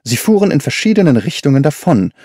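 A male audiobook narrator tells the story in a lively, expressive way. His voice rises and falls a lot and sounds mellow. The studio recording is dry and close. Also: fairly high pitch, fast talker, no room sound. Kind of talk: scripted literary narration.

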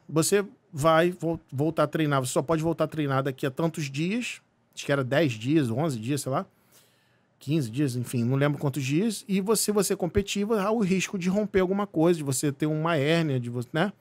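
A man from Brazil, telling a personal story as a podcast guest, animated and full of restarts. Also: fairly high pitch, moderate pace, dry recording. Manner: animated, many restarts and repeated words. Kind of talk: casual storytelling.

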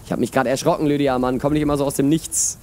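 A man's voice: medium pitch, level tone, fast talker, darkish tone, a little hiss or hum. A man playing a fantasy game, reading a story aloud and chatting casually about his gameplay. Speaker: let's player.

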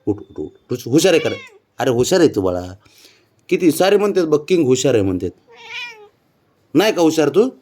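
Man coaxing his cat in lively baby talk. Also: a little high, a little fast, pauses often. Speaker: cat owner filming his pet. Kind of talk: casual talk to a pet.

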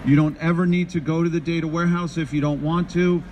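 A man's voice: fairly high pitch, little pitch movement, fast, a little mellow. A middle-aged man giving a live tech talk on a trade show floor into a handheld mic, upbeat and quizzing the audience. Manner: upbeat, addresses the crowd with questions. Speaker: conference presenter. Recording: faint show-floor noise.

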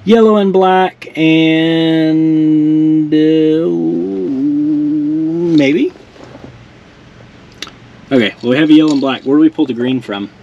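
On a lo-fi recording with slight background noise, a man whose voice sits on the high side talks slowly, pausing often, as he shows off his car build. Working in a garage and inside a truck, he gives a relaxed, self-deprecating walkthrough, explaining steps and joking at his errors.

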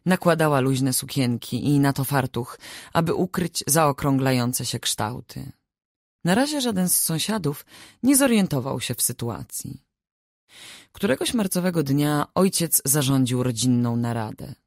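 A woman narrating a family saga audiobook in a measured, expressive reading on a close studio mic. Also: a bass voice, no echo. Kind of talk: scripted narration.

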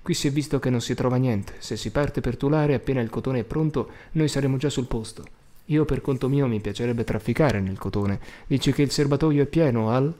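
A man's voice: medium pitch, a little fast, warm tone, lightly acted. A man voicing a discouraged young man in an audiobook, speaking in a subdued, wry way. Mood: reasoning.

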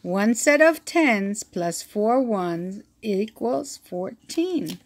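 A read-aloud teacher with a medium-pitched, animated voice reads a children's math picture book, counting slowly and posing questions to the listener. It was captured on a phone held above the book.

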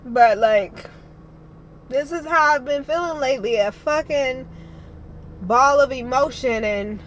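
Rambly woman vlogging in her car, kinda high voice, swears a lot, a bit teary, faint hum behind. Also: measured pace. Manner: chatty, rambling, swears casually. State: tearful. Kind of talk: casual vlog talk. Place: parked car, then outdoor parking lot.

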